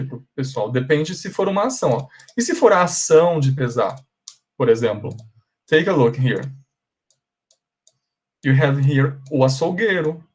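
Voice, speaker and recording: A Brazilian Portuguese-accented man gives a bilingual English grammar lesson, posing questions and answering them himself. His voice is a little high with a breathy edge, and he drills example sentences slowly.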